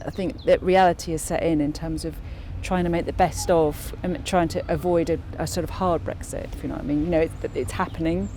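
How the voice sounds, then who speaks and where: A woman's voice: sits low, steady tone, a little fast, few pauses, warm tone, a little hiss or hum. A woman, a local councillor answering interview questions thoughtfully, with many restarts and fillers.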